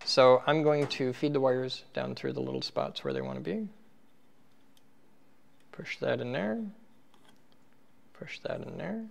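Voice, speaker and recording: Medium-pitched and unhurried, this man pauses often as he hosts an equipment teardown series, chatting casually with viewers and muttering to himself while working with his hands. He turns animated when addressing viewers, in an informal hands-on demonstration. The recording has clear background noise and handling clicks.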